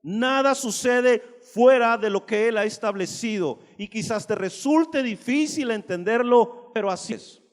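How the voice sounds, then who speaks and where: A man's voice: extremely high pitch, unhurried, hardly any pauses. A man preaching a sermon to a congregation, emphatic and speaking directly to his listeners with rhetorical questions. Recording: long hall reverb.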